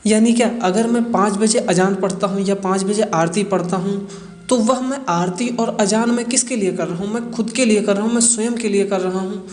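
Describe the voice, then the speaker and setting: A man with a high, somewhat dark voice explains current affairs in a lecture, sounding like a teacher as he poses rhetorical questions and answers them himself. He's an educational explainer presenter, recorded in an echoey, reverberant room.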